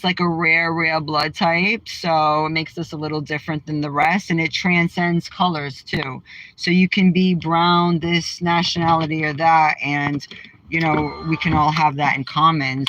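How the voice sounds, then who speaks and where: A woman's voice: low voice, steady tone, normal speed, fairly bright tone, slight background noise, rough recording. A woman from Massachusetts hosting a casual livestream, bluntly firing back at viewers' comments from her car. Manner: brash, outspoken, trash-talking. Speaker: livestream host. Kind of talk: casual live chat reading comments.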